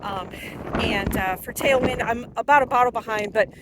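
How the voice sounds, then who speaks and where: Woman, higher-pitched, casual trail vlogger talking while running, unscripted and chatty; slightly noisy outdoor handheld sound. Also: normal speed. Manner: chatty, unscripted, thinking aloud. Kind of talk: casual selfie vlog check-ins.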